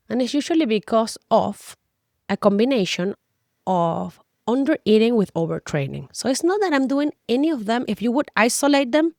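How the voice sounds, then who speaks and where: A woman's voice: medium pitch, a little mellow, no room sound, studio quality. A middle-aged woman, a native Spanish speaker with a Spanish accent, explains things as a nutrition coach in emphatic, conversational, Spanglish-tinged English. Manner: non-native English with Spanglish word slips; emphatic, conversational, addresses listener directly. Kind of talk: explanatory talk to camera.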